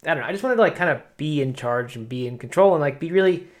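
Rapid-fire and lively in intonation, this fairly high-pitched man is a podcast co-host in his late thirties. His casual chat wanders, full of self-deprecation, restarts and fillers.

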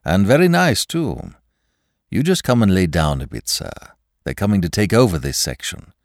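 A man voicing a calm, loyal manservant who soothes his master in a low, steady voice. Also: moderate pace, no room sound, studio quality. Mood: soothing.

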